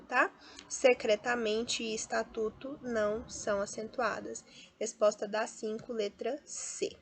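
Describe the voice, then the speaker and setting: A woman's voice: fairly high pitch, gravelly, slightly rough. A woman teacher with a Brazilian Portuguese accent who explains step by step and draws out each example word. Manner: explains step by step, often adds tag questions; stresses and drawls out example words. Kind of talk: classroom lesson.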